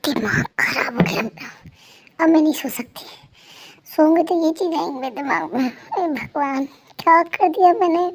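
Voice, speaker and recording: A high-pitched, fiery young wife, voiced by a woman in a fan story role-play. She is jealous and short-tempered, and she scolds in an exasperated tone. Her voice sits high and bright throughout. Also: lively intonation, moderate pace, a little hiss or hum.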